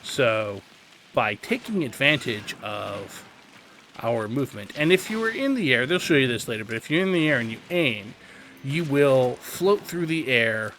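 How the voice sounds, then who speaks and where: A man hosts a gaming video, offering tutorial commentary over gameplay in an explanatory, conversational style. His mid-range voice is animated and fairly bright, at a measured pace, with faint game noise behind.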